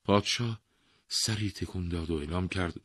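Brief: male folk-tale narrator, low husky voice, lively pitch, dry close mic. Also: dry recording. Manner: lively, expressive storytelling. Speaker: storyteller.

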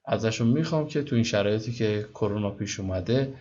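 A man teaching English, reading English lines slowly and translating them briskly. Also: fairly low pitch, darkish tone. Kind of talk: bilingual reading lesson. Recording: dull lo-fi recording.

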